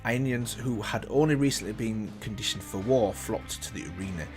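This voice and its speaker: A man with a fairly low voice reads a little fast for a reaction video, slipping in casual remarks as he goes. Loud background music fills the track.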